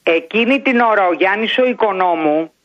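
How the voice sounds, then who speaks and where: A woman's voice: medium pitch, lively intonation. A woman, a member of parliament, speaking as a guest in a phone-in radio interview, telling her story emphatically and with indignation. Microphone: telephone. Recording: dull phone line.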